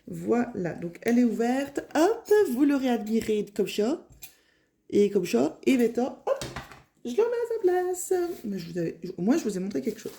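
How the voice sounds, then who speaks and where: A woman's voice: a little high, expressive, normal speed, gravelly, mellow, a little hiss or hum. Chatty ch'ti woman unboxing crafts. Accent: Picard (ch'ti, northern French). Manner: chatty, rambling, with many fillers. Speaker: crafting vlogger. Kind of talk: casual unboxing chat.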